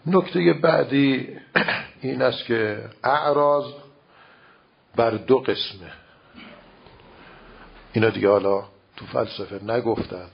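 A man's voice: mid-range voice, creaky, long pauses, slightly rough. A man teaching religious philosophy in an informal lecture, explaining with everyday examples and rhetorical questions. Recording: dull lo-fi recording.

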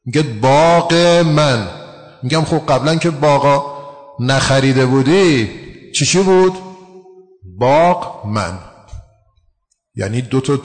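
A man gives a religious lecture, explaining a text and putting rhetorical questions to his listeners. His voice is medium-pitched, and the sound trails off in a long reverb tail.

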